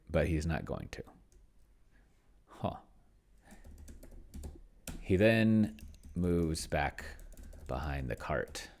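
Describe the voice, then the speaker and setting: Very deep, creaky, and darkish in tone, this man's voice carries casual commentary as he plays a roleplaying game by himself as a video host. While typing at a computer keyboard that is audible in the background, he thinks out loud, muttering often, trailing off, and drawing his words out.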